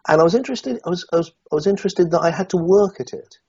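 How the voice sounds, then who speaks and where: A man's voice: sits high, quick pace, breathy edge, no room sound, lo-fi sound. A middle-aged man from Somerset, England, a guest in an interview, talking reflectively and hesitantly, with many restarts. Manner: hesitant, many restarts, animated when recounting.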